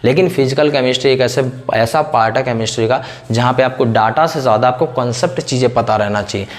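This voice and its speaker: A man's voice: medium pitch, fast. Hindi chemistry teacher quizzing his class. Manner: asks questions and answers them himself; repeats a fixed question-and-answer pattern. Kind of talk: classroom lecture.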